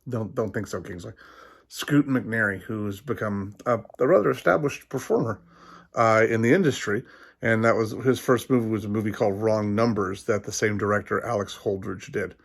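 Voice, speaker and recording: A man with a lowish, gravelly voice talks through a casual vlog chat. He rambles loosely, with plenty of ums and restarts as he goes. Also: normal speed. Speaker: host.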